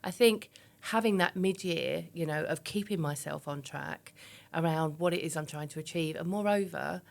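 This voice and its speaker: Woman, 50s, deep voice, frequent vocal fry, chatty podcast guest, emphatic self-talk. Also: normal speed. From East London, England. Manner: candid, chatty, emphatic, illustrates points with quoted self-talk. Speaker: interview guest, business founder. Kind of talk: conversational podcast interview.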